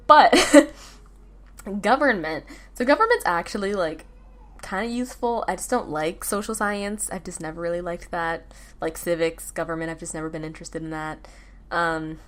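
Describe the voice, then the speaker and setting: A teenage girl hosting a casual solo podcast, rambling with lots of fillers and restarts. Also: on the low side. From United States. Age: teens. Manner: rambling, filler-heavy, self-interrupting. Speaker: podcast host.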